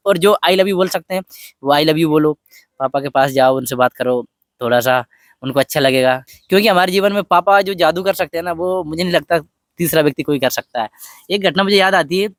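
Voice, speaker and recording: Guy in a vlog, soft heartfelt storytelling, fairly high voice, dry close sound. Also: dry recording. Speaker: vlogger. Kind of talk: personal reflective talk.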